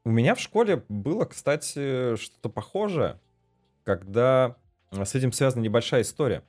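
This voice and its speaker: A man from Russia hosting a podcast interview, chatting in a relaxed way with fillers. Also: mid-range voice, moderate pace, soft background music. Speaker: podcast host.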